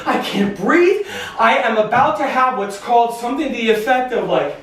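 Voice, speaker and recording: High-voiced man telling a story on stage. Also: a little fast. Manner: animated, profane, shouting at peaks. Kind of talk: live storytelling performance. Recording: echoey room, distant mic, audible noise.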